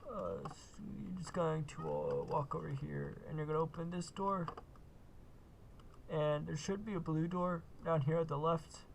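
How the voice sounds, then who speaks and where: Gravelly guy talking through a game, slightly high voice, loose and casual with lots of uhs. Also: steady tone, a little slow, a little hiss or hum. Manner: laid-back, lots of uh and kinda. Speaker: gaming video host. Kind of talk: casual gameplay walkthrough.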